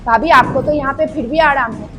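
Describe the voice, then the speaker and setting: A woman playing a jealous married young sister-in-law who talks loudly and sarcastically in a family skit. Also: high voice, fairly quick, faint music behind. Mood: taunting. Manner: loud, sarcastic and nagging.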